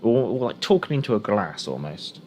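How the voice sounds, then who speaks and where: A man's voice: on the low side, very animated, fairly quick, a little mellow, slight background noise. A man streaming a game, chatting casually and thinking aloud as he gives live commentary.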